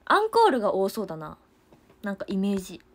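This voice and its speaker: A woman's voice: medium pitch, huge pitch swings, fast talker. A young woman with a chatting casually to fans on a livestream, giggling often.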